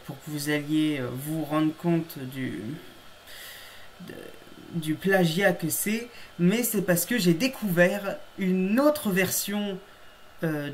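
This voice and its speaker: A man's voice: high-pitched, a little hiss or hum. A man hosting a casual reaction video, chatty and emphatic, often laughing at his own mistakes. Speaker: YouTube host reacting to his old episode.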